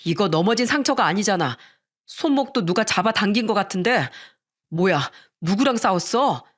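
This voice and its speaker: A woman voicing a worried young husband in a radio story reading, asking slow, concerned questions. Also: mid-range voice, expressive, natural voice.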